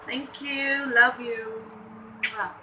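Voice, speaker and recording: Casting: female vlogger, unhurried and halting, mid pitch, casual direct address, clear background noise. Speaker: vlogger doing a challenge video. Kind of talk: casual vlog chat to viewers. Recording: noisy home-video sound, steady background noise.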